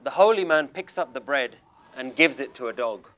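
A man's voice: mid-range voice, lively intonation, moderate pace, a bit bright. Emphatic man giving a spiritual talk. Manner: questioning, emphatic, rhetorical. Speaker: spiritual teacher. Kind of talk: spiritual talk to a seated group. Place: room with a small audience.

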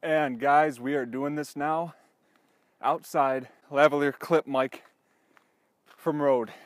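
A man's voice: on the high side, fairly even intonation, slow. A young man talking casually to camera in a vlog, chatty and enthusiastic, with lots of fillers. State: out of breath. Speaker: vlogger. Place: echoey basement; outdoors by a stream. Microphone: headphone mic into GoPro; handheld lavalier clip mic.

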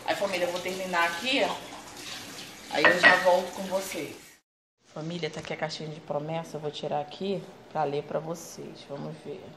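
A woman's voice: sits low, fairly even intonation, moderate pace, heavy background noise. A Brazilian Portuguese-accented mother vlogging at home on a phone, chatting to viewers and cooing at her baby. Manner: chatty, keeps calling viewers "family", coos at her baby. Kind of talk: casual home vlog. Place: family home.

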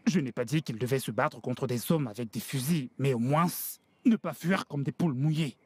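Man acting an indignant gang boss, husky voice. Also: medium pitch, normal speed, a little mellow, no echo, lightly acted. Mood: indignant ranting. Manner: scolding, emphatic, repeats himself. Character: domineering, indignant male street gang boss. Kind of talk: French-dubbed Nigerian film drama.

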